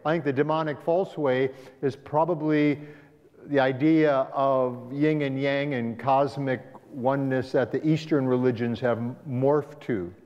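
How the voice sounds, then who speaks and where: Leading a Sabbath school class in a church sanctuary, a male pastor keeps things conversational and asks the class questions. He speaks in a mid-range voice with a steady tone and a measured pace. The recording is dull and echoey, like a church hall.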